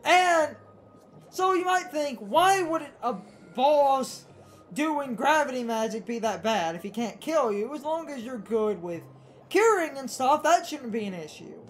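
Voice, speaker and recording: Over the game's music, this let's play co-commentator talks in a rambling, argumentative way. Her voice sits high and sounds animated, though she speaks a little slowly. Some slight background noise is present.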